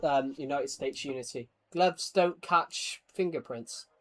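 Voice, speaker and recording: This live streamer has a medium-pitched voice and talks a little slowly as he games. He rambles through casual chat and viewer comments, self-deprecating, frequently stammering and saying words twice.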